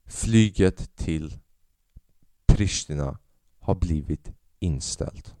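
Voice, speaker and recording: A man with a fairly low, smooth voice tells a story on his podcast in a loose, casual monologue. He is animated, swears freely and acts out the people in the story. The sound is dry and close, with no room around it. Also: no room sound. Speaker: podcast host; stand-up comedian.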